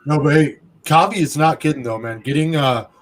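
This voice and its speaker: A man chatting as a guest on a video call, eager and quick to jump in. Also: a little high. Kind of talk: casual chat on a video call.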